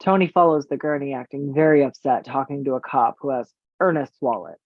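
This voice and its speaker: A man narrating stage directions in an amateur script read, with an even, matter-of-fact reading. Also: mid-range voice, a little fast, dry recording. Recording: tinny phone-like line, dry.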